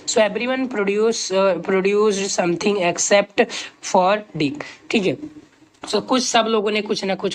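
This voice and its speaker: An Indian woman teaching a lesson. She explains an English story in Hindi with many fillers. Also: lowish voice.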